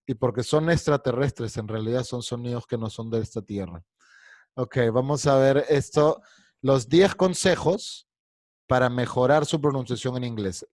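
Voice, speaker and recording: A man teaching an online English pronunciation class over a video call, patiently repeating words and stretching them out slowly with exaggerated sounds. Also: mid-range voice, darkish tone, dry recording.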